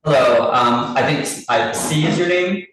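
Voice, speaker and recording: A man runs a committee meeting heard through a group video call, speaking at an ordinary middle pitch in a businesslike, list-reading way. His voice comes from a distance in a very echoey room, with faint noise underneath. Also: a bit bright. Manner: brisk, businesslike, reads lists with small restarts. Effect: heard over a group video call. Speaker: committee chair at a public meeting. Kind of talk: reading out license terms and running a vote. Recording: very roomy echo from a distant mic, faint noise.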